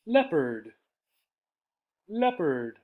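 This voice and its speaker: An American English teacher with a fairly high voice walks learners through vocabulary very slowly and in a very animated way, repeating key words and often adding a quick check that they've understood. His delivery is didactic, and the audio sounds narrow and tinny.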